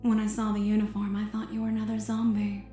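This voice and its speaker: Woman acting Ada Wong, cool bright-voiced femme fatale. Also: mid-range voice, completely flat delivery, fast, roomy sound, soft background music, natural voice. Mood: cool, composed. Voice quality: satiny. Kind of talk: audiobook drama character dialogue.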